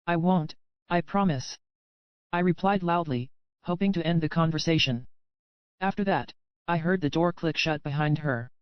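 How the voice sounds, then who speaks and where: A woman narrating a romance audiobook in the first person, with even, steady storytelling in a dry, slightly muffled recording. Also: low-pitched, normal speed, dry recording.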